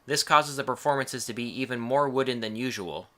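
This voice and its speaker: A man's voice: medium pitch, a little fast, a bit bright. A man reading a scripted film review in a casual way, with wry, joking asides.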